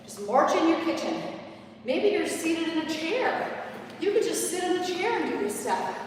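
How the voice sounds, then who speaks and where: A woman's voice: extremely high pitch, sing-song, normal speed. Woman fitness coach counting reps, pretty echoey, kinda far from the mic. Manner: upbeat, encouraging, counts reps aloud. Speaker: fitness instructor. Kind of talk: workout coaching. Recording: echoey, distant mic, faint noise.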